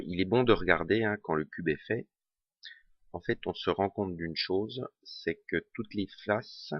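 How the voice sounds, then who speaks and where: Deep-voiced man with a regional French accent. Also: dry recording. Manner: hesitant, many fillers and self-corrections. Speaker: puzzle tutor. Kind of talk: casual spoken tutorial. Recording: dull, lo-fi home recording.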